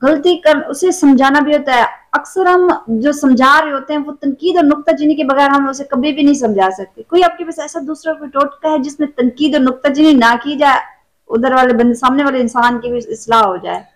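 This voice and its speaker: A woman hosting an interview, asking formal, measured questions. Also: sits high, low-quality recording. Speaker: interviewer host.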